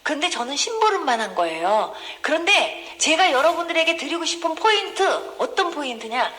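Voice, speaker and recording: Woman pastor, fairly high voice, emotive testimony sermon, voices the people in her stories. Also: big pitch swings, a little fast, pushed and bright. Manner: emotive, acts out dialogue with sudden high gasps and cries; addresses congregation directly with questions. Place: church.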